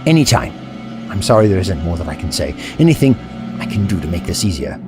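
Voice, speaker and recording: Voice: deep voice, big pitch swings, fast, over music. A performer in an audio drama playing the Doctor, an eccentric, kindly time traveller who explains things in a wordy, scholarly way. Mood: grave, reflective.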